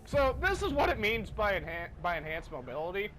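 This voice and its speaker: A man's voice: sits high, sing-song, fairly quick, bright, forceful tone, a little hiss or hum, low-quality recording. A man giving casual, rambling, self-deprecating commentary while playing a video game. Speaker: gaming commentator. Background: faint game music.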